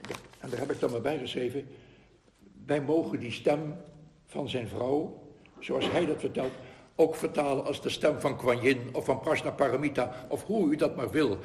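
A man giving a reflective spiritual talk to a group, reading passages aloud slowly and earnestly, with pauses and tag questions. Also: mid-range voice, a little mellow, a little hiss or hum. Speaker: spiritual teacher addressing a group. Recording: roomy hall echo.

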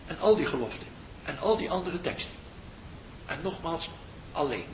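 An older man, a meditation teacher, giving a slow reflective spiritual talk that pauses often and trails off softly. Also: very animated. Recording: muffled roomy recording with faint rumble.

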